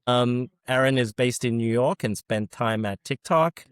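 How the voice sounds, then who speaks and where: A man's voice: mid-range voice, clear, resonant tone, no room sound. Easygoing male podcast host, dry sound. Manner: friendly, halting with many fillers. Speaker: podcast host, fund founder. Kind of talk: casual interview.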